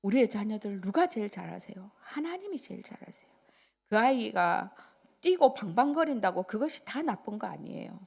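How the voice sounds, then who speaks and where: An older woman pastor preaching a sermon in an animated, conversational way, dropping into whispers between loud bursts. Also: mid-range voice, normal speed, creaky, slightly rough.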